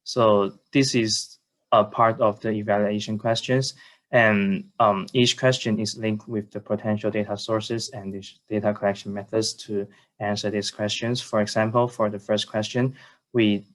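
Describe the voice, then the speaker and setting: A man presents formally on a video call as a student. His low voice stays very even, and he speaks in a polite, careful way, often hesitating and repeating words. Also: normal speed.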